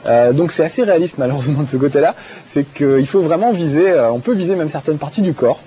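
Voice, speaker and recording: A man's voice: fairly high pitch, fast, dark tone, a little hiss or hum. A male TV video game show host who chats enthusiastically and laughs often while playing a game, with many fillers. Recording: dull TV broadcast audio with faint music.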